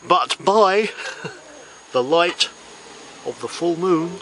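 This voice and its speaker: A man's voice: fairly high pitch, animated, very slow. Man doing theatrical magician patter, noisy recording. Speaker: magician presenting a trick of the week. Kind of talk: card magician patter, spooky storytelling.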